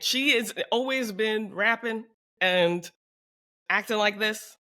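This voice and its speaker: A woman co-hosts a relaxed podcast conversation with an emphatic, questioning manner. Her tone is bright and clear, and her pitch sits in a middling range. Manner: emphatic, fires off rhetorical questions. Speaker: podcast co-host. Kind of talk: casual chat.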